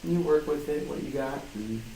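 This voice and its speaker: A slightly high, gravelly voice with a dark tone belongs to a man being interviewed about his game audio design job. He talks casually, hesitant and halting, with loose phrasing. A small hard-walled co-working office adds a roomy metallic flutter echo, and the distant mic picks up faint noise.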